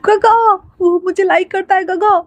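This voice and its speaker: A woman's voice: sits high, normal speed, dry recording, lightly acted. A woman voicing a giddy, lovestruck young man who gushes and whines to his older brother. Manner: excited, whiny, gushing.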